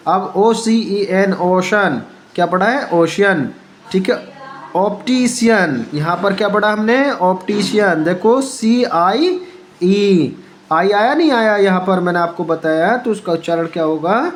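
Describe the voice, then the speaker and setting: A man teaches pronunciation at an unhurried, deliberate pace, spelling each word letter by letter. He keeps quizzing his listener with short questions. A faint hiss sits under his voice. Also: high-pitched. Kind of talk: spoken pronunciation lesson.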